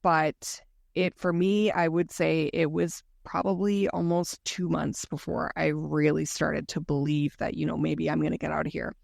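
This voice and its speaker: A woman's voice: deep voice, little pitch movement, normal speed, creaky, darkish tone. A woman guest tells her story in an earnest, candid way during a conversational interview. Her voice sounds dry and close, with no room echo.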